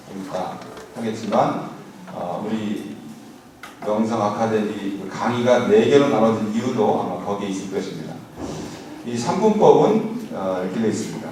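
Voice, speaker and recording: A middle-aged man, a seminary professor, giving a conversational church lecture on scripture with many fillers and asking the audience to repeat words after him. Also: fairly low pitch. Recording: echoey hall, voice from far off, clear room noise.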